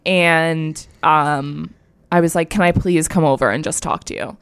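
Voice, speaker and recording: A young woman in her twenties co-hosts a casual chat podcast and tells a personal story in a frank, rambling way. Her voice sits low and sounds smooth and clean. The recording is dry and close. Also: steady tone, a little slow, no room sound. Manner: candid, rambling storytelling with many likes. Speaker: podcast co-host.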